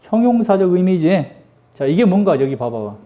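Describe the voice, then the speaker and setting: A man's voice: high-pitched, sing-song, moderate pace, lo-fi sound. A middle-aged man teaching an English grammar lesson, joking and teasing his students with constant rhetorical questions. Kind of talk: lively classroom lecture.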